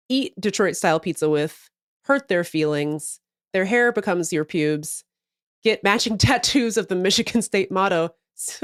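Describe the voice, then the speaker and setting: A woman's voice: medium pitch, a bit bright, smooth, no echo, studio quality. A woman co-hosting a casual podcast livestream, laughing often as she talks. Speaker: podcast co-host.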